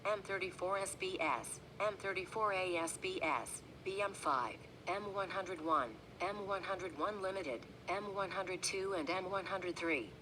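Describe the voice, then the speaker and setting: Woman, lower voice, automated bus stop announcement, measured and flat, noisy bus recording. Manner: flat, measured, clipped readout. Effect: bus stop announcement over the onboard speaker. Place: inside a moving city bus. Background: engine rumble and road noise.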